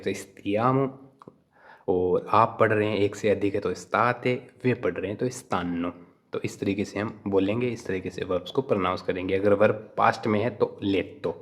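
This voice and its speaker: Man with an Indian accent teaching Italian. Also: on the low side. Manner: repeats Italian phrases slowly and carefully, then explains quickly in Hindi. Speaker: language teacher. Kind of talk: Hindi lesson on speaking Italian.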